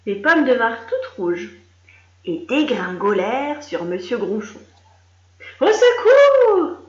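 A woman reading a children's story aloud, expressive and speaking directly to a young listener. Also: medium pitch. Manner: slow, expressive, addressing a child. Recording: roomy, slightly dull recording.

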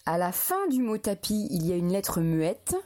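A woman's voice: lowish voice, very animated, moderate pace, a little mellow. A woman teacher giving a dictation to young children, sounding out words syllable by syllable and spelling each letter.

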